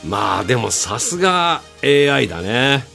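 Guy arguing with his ai, rough snappy comebacks, pitch all over the place, bit of music behind. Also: very animated, moderate pace, sharp tone. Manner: exasperated rough retorts. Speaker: comedian talking to an AI assistant. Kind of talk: comedic banter.

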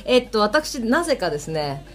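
A stage actress as a radio guest, chatting quickly and playfully about an upcoming project. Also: female voice, medium pitch, very animated, soft background music. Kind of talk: casual radio announcement.

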